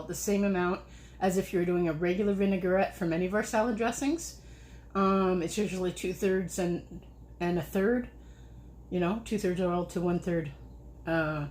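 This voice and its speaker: A woman's voice: fairly low pitch, darkish tone, a little hiss or hum. Chatty woman cooking live in echoey kitchen. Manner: chatty, rambling, laughs often. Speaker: host of a cooking livestream. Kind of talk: casual cooking livestream chat. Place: home kitchen.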